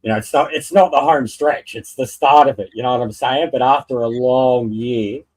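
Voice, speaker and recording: A man's voice: medium pitch, normal speed, a little mellow, rough recording. A man as a guest in a casual sports and wrestling chat, talking in a blunt, slangy, sweary way.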